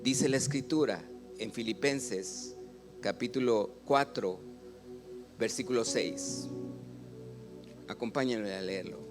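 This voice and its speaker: A Mexican man, a pastor, preaching a sermon. He asks the congregation questions, has them read along, and often builds up to loud exclamations. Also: fairly low pitch, takes it slowly, long pauses, over music.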